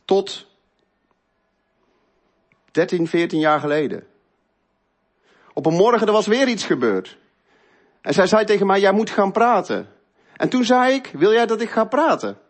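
A middle-aged man telling an earnest, emotional personal faith testimony, moving between loud stretches and hushed ones. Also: high-pitched, big pitch swings, measured pace, long pauses. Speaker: speaker giving a faith testimony.

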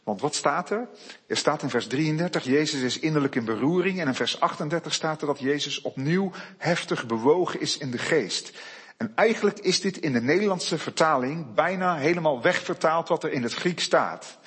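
Husky-voiced male preacher, soft to fervent. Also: on the high side, lively intonation. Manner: slow, quiet Bible reading, rising to loud emphatic preaching. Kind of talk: sermon.

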